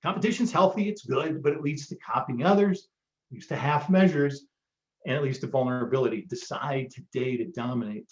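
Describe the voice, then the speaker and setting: A man's voice: medium pitch, brisk. A man hosting a live online marketing workshop, giving a motivational pep talk with frequent ums. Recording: roomy, dull lo-fi sound.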